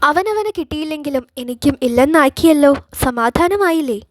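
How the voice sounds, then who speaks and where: A woman's voice: high-pitched, lively intonation, brisk, no room sound, studio quality. A woman voicing a heartbroken young woman who needles and reproaches her sister in a storybook reading. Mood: bitter.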